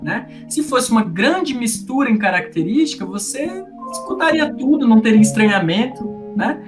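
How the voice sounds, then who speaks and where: A man with a Brasília accent, a researcher guest talking in a relaxed, chatty way with many fillers. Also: very high-pitched, moderate pace. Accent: Brasília Portuguese. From Brasília, Brazil. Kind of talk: casual academic interview. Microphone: remote recording. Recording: music bed under speech.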